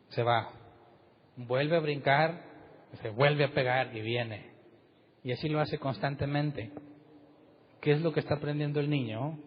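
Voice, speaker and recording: A man's voice: mid-range voice, slightly rough, in a large hall, muffled recording. A man preaching a conversational sermon as pastor, putting rhetorical questions to his congregation in a church meeting room.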